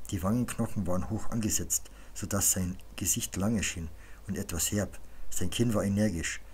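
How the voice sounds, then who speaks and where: A man calmly reading a novel aloud as an audiobook narrator. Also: sits low, a little hiss or hum. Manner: calm, even storytelling. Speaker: audiobook reader.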